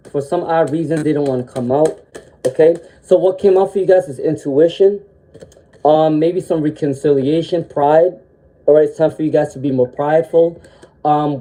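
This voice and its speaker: A tarot reader with a mid-range voice gives a reading on a live stream while battling a cold, sniffling as she goes. She speaks gently and reassuringly, with lots of "um"s and a checking "okay?" at the end of her sentences. The audio quality is poor.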